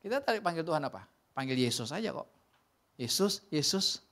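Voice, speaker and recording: Animated preacher. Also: male voice, fairly high pitch, very fast. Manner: animated preaching, swinging from loud calls to soft near-whispers. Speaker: pastor. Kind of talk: sermon. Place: church sanctuary.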